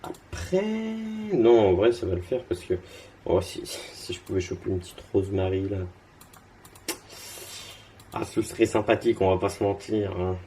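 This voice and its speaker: A man's voice: sits low, fairly even intonation, normal speed, pauses often, dark tone, slight background noise. A young man casually commenting on his card game as he plays, thinking aloud with lots of fillers and restarts, tired and yawning.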